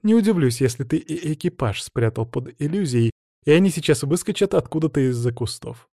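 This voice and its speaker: A flustered, hesitant young woman, as a male narrator voices her in a read-aloud story. The voice stays warm and mellow, dry and close to the mic. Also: on the high side, expressive, brisk, no echo, voice pushed up. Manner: hesitant, surprised.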